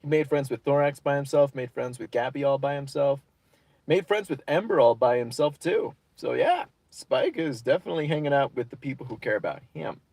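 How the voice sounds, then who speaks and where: Man, livestream host, rambly and goofy, dry close sound, mid-pitched. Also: animated, a little fast, darkish tone, dry recording. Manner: rambling, goofy, improvises silly rhymes. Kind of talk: casual livestream chat, reading comments.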